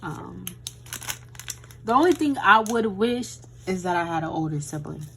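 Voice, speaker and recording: A woman's voice: fairly low pitch, expressive, moderate pace, vocal fry, fairly bright tone, a little hiss or hum, poor audio. A woman in her twenties chatting casually while swatching nail gels, with a tired voice and a rambling, chatty way of talking. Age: 20s. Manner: chatty, rambling, says "y'all". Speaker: beauty vlogger.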